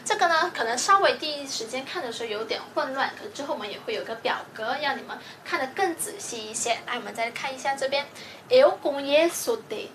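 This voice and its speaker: A woman's voice: high-pitched, animated, fast, fairly bright tone, a little hiss or hum. A woman teaching a grammar lesson, explaining patiently step by step and often checking that students follow. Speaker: language teacher.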